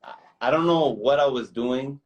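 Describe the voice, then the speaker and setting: A young guest recording artist from Toronto, Canada, chats casually in an interview, rambling in an easygoing way and calling the host "bro" and "man." His voice is medium-pitched at a normal pace, and the audio is lo-fi.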